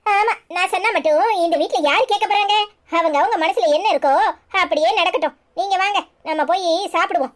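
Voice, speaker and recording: A woman's voice: very high voice, brisk, fairly bright tone, pitched above the performer's own voice. A woman voicing a stubborn, grumbling cartoon mother with a Tirunelveli Tamil accent and a sulky way of talking. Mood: sulking. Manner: sulky, complaining.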